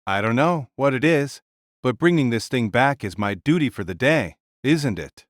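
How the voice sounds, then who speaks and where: A man's voice: medium pitch, lively intonation, moderate pace, dry recording, clean studio sound, close to an everyday voice. A man voicing a giant, boisterous ancient king spirit in an audio drama, hearty and blunt in manner. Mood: argumentative. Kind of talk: fan audio drama acting.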